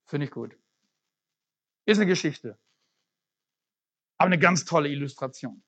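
Preacher. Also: unhurried. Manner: searching, often restarts phrases, with lively swings in pitch and loudness. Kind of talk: sermon. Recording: dull lo-fi recording.

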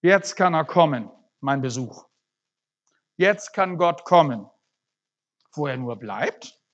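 A preacher voicing a frantic ordinary man in a parable, who exclaims in a high, agitated voice. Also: animated, takes it slowly. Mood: satisfied. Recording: dull lo-fi recording.

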